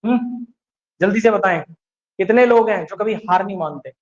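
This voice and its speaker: A man's voice: high-pitched, normal speed, muffled recording. A man teaching English vocabulary in an online exam-prep class, drilling students with repeated questions and mixing English words into Hindi explanations.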